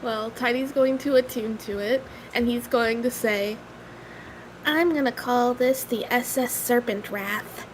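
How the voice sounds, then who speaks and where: A woman talks casually as a player at a tabletop game. Her voice is clearly high, and there is a little background noise. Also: a little slow, poor audio.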